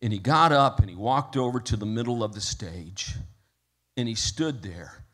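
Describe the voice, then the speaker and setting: Male pastor, mid-pitched voice, preaching in a church with building passion and softer prayer. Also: lively intonation, normal speed. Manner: storytelling with rising intensity, then soft prayer. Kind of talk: sermon. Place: church sanctuary.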